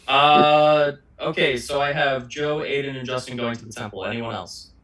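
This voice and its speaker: A man running a tabletop game as game master, talking in a halting way with many fillers. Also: mid-range voice, background noise. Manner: halting, filler-heavy delivery.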